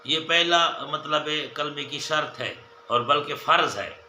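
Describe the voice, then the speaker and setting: Bright, echoey male religious teacher. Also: a little high, slight background noise. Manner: repetitive, enumerating points, addressing viewers as dear friends. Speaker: mufti giving a hadith lesson. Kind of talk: religious lesson. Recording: echoey room with faint ambience.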